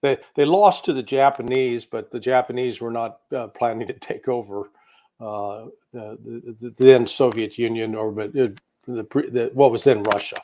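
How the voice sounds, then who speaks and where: In a political interview, an American guest commentator gives his analysis in a dark-toned, mid-range voice at a moderate pace, with a little hiss or hum in the background. He's emphatic and opinionated, piling up points one after another.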